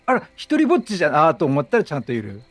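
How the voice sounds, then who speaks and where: Chatty and full of quipped reactions, a man gives casual let's-play commentary and reads game dialogue aloud. His voice is a little high with wildly swooping pitch, he talks fast, and there's no echo, just game music in the background.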